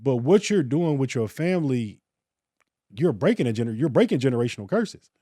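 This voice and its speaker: A male podcast co-host in his thirties, with a medium-pitched voice and a fairly quick pace, tells stories in an animated, earnest, preacherly way during a casual discussion. He's recorded on a dry, close mic.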